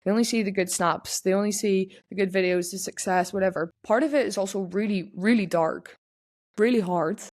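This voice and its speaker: A woman's voice: mid-range voice, a little fast, darkish tone. A young woman talking frankly and casually on a podcast, with lots of restarts and "like" fillers. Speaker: podcast host. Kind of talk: candid personal podcast talk.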